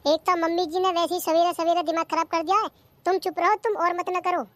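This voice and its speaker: A performer voicing a cheeky, lazy young daughter-in-law who talks back, in a cartoon comedy. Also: female voice, very high voice, steady tone, a little fast, fairly bright tone, dry recording. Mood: grumbling.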